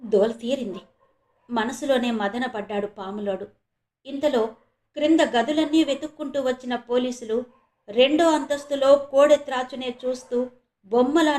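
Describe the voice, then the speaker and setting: Woman storyteller, horror serial narration, fairly high voice, roomy echo. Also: a little mellow. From India. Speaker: storyteller, channel host.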